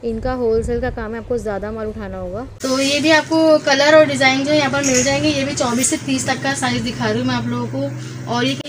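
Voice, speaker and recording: Speaking fairly quickly in a high voice with fairly even intonation, a Pakistani-accented shop presenter displays wholesale stock in a fabric-packed garment shop. She pitches informally, repeating herself and slipping in English, over handheld phone audio with audible background noise.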